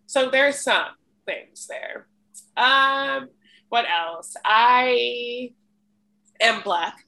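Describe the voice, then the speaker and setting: Bright-voiced, teasing young woman. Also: a little high, very slow, gravelly, rough recording. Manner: playful, teasing, many ums. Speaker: podcast co-host. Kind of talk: casual chat.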